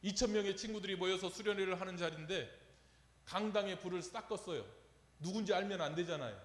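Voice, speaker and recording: High-voiced pastor preaching in an echoing church. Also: male voice, fast. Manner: storytelling with rhetorical questions to the congregation. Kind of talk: sermon. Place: church sanctuary. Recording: echoey church hall with long reverb.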